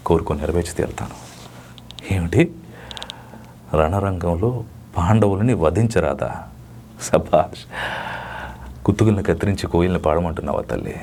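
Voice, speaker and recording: A proud warrior prince pours out grief and reproach toward his mother in slow, solemn theatrical verse, as a man performs him. The voice sits low and hushed. It has the weight of a mythological stage drama. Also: a little hiss or hum.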